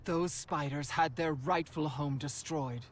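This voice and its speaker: A woman voicing a solemn, devout, kindly druid in a fantasy game, speaking slowly and reverently. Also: low voice, a little hiss or hum.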